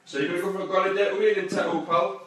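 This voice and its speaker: A man's voice: sits high, fairly even intonation, racing, distant mic. A man heckling and teasing in mocking banter from the background. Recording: very echoey, from off-mic, noisy.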